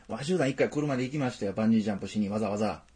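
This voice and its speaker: A man's voice: lowish voice, racing, a little mellow, breathy edge. A man with a Tosa accent chatting casually as a podcast co-host, joking and laughing often, with playfully formal asides. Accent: Tosa (Kochi) Japanese. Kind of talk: casual chat.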